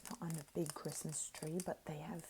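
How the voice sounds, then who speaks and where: A woman speaking softly in a casual ASMR style, describing objects in a hushed voice that often slips toward a whisper. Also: low-pitched, level tone, moderate pace. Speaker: ASMR video creator. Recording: very noisy close recording with crinkling and clicks. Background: tapping, clicking, crinkling and rattling of handled objects.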